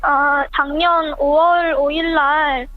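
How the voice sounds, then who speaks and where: Anonymous phone guest, pitch-shifted voice disguise raised high, halting delivery, tinny line. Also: little pitch movement, no echo. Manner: halting, hesitant speech with many pauses. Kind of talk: radio phone interview. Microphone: telephone.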